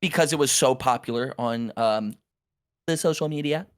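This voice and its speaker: A woman joking in deadpan casual chat while reacting to a video. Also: rumbling low, normal speed, no echo, studio quality.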